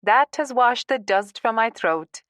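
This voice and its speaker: A woman voicing a spirited woman out at the pub, talking in a bright, lively way. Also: fairly high pitch, measured pace, no room sound, pitched above the performer's own voice.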